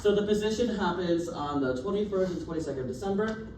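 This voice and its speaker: A young man with a high-pitched, slightly mellow voice and lively intonation talks a little fast as he gives a casual class presentation. He's chatty, full of fillers and easy laughs, and the student presenter is picked up by a distant recording device in a roomy, noisy classroom.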